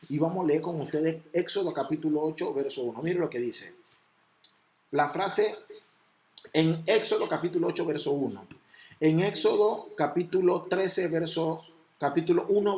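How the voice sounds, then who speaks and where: A man preaching a sermon, reading scripture slowly and building to loud, emphatic exhortation. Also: on the high side.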